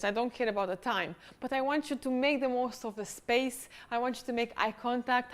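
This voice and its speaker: A woman coaching a pitch workshop, giving direct, encouraging instructions.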